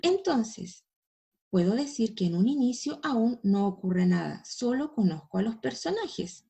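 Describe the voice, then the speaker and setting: A woman's voice: a little high, very animated, a little slow, gravelly, warm tone, breathy edge. A woman teacher giving a recorded language lesson to schoolchildren, explaining step by step and pointing students to images. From Chile.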